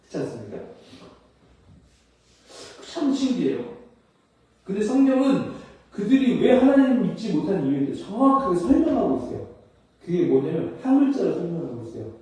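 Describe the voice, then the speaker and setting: A high-voiced, lively male pastor preaches in a chatty, animated way, putting questions to his congregation and acting out exchanges. His tone is mellow. The sound is heavily echoey, picked up from some distance in a church hall. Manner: animated, questions listeners, acts out dialogue. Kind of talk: conversational sermon.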